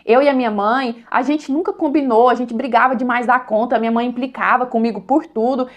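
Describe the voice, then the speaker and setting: Confiding woman storyteller, slightly high voice. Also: steady tone, brisk, muffled recording. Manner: confiding, conversational, tags with "sabe?". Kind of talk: first-person story narration.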